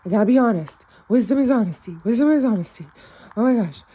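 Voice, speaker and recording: A self-described novice clairvoyant rambles casually in a spiritual vlog, her voice fairly high, expressive, fast, warm and husky. She speaks German with an American accent, switching between English and German and often repeating herself or starting over.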